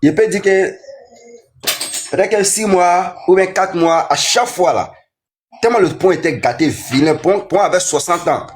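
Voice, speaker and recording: A man with an Ivorian French accent, a taxi driver arguing in a casual street debate, excitable and prone to repeating himself. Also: sits high, normal speed, slight background noise. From Côte d'Ivoire.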